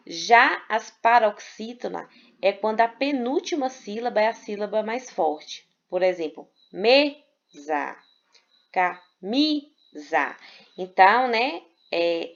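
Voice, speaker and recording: A woman teaching a grammar lesson, patiently spelling out syllables and checking in with "né?". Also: medium pitch. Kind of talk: explanatory lesson. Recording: dull lo-fi recording.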